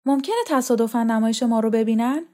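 A woman's voice: fairly high pitch, voice pushed up, lightly acted. A woman reading the part of a vain, eager young male theatre director. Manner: eager, excited, quick.

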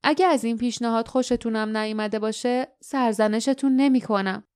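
A woman voicing a humbled man who leads a village, speaking stiffly and then with quiet remorse, in an audiobook. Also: a little high, clean tone, no echo, clean studio sound, lightly acted. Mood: remorseful.

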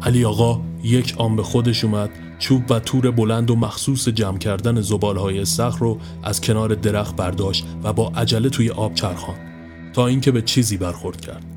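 A man's voice: on the low side, fairly even intonation. A man steadily narrating a scripted horror story. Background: soft music.

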